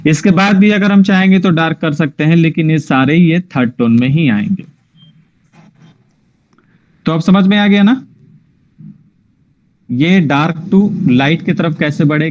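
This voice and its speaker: Male art teacher, slightly high voice, patient and explanatory, muffled online-class sound. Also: lively intonation, normal speed, pauses often, darkish tone. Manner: patient, checks often that students follow. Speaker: drawing teacher.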